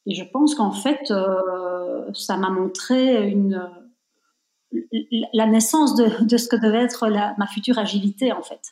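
A woman's voice: mid-range voice, unhurried, warm tone, roomy sound. A woman in her fifties, born in Belgium, speaking as a guest in a conversational interview, reflective and emphatic, with many fillers. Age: 50s.

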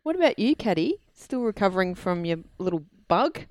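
A woman's voice: mid-range voice, sing-song, fairly quick, darkish tone, no room sound. An Australian woman hosting a casual sports chat podcast. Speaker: podcast host.

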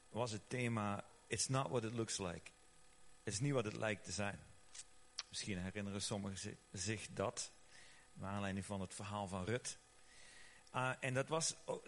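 A man preaching and leading worship in a soft, prayerful, reverent way, slipping English phrases into his talk. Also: lowish voice, slight background noise.

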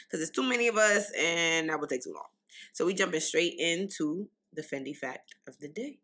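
A young woman with a New York accent, hosting a podcast in a loud, unfiltered, casual way that speaks straight to listeners. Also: sits low. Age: young adult. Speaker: podcast host.

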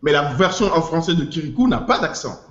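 A man's voice: fairly high pitch, sing-song, a little fast. A man co-hosting a casual podcast panel, explaining at length, restarting phrases and dropping in English expressions. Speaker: podcast co-host. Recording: muffled, roomy podcast recording.

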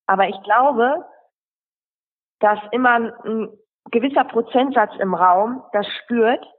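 A woman's voice: fairly high pitch, unhurried, breathy edge. A woman rhetoric coach answering interview questions, explaining at length and listing examples in runs. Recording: tinny phone-like line.

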